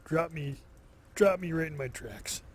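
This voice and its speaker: A man giving relaxed solo commentary as he plays, slow and musing, thinking aloud to himself. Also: a little high, noisy background. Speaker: gameplay commentator.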